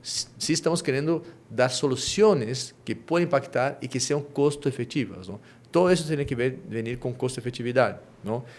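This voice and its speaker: A middle-aged man from Brazil, with Portuguese roots and a Lima Spanish accent, explains his company's work as a guest in a conversational interview. He often tags his points with a quick question and restarts phrases. His mid-range voice is a little mellow.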